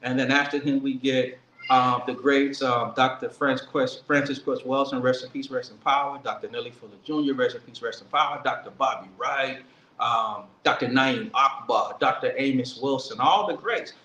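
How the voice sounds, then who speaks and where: A man's voice: medium pitch, pushed and bright, dull audio, slight background noise. Earnest man giving an echoey speech. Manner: earnest, emphatic, slows down to stress key words. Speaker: speaker at a commemoration event. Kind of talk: political speech. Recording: echoey room with faint ambience.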